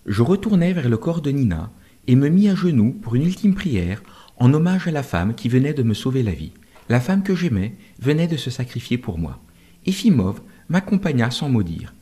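A man reads a novel aloud in an expressive, dramatic storytelling manner. His voice is husky and mellow and rises and falls a great deal. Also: medium pitch, moderate pace. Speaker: narrator. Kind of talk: audiobook narration of a novel.

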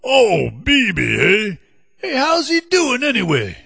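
A man voicing a giant, laid-back, funky male octopus in a children's audio story, with a gravelly, drawling, slangy way of talking. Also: high voice, wildly swooping pitch, takes it slowly, pushed and bright, no echo, clean studio sound, full character voice. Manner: cool, easygoing, slangy.

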